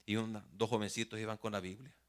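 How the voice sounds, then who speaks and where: A man's voice: fairly low pitch, fast talker. A man from El Salvador, a pastor telling stories in a Sunday sermon and often addressing the congregation as "brother". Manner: animated storyteller, often says "mi hermano". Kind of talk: sermon with storytelling. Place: church.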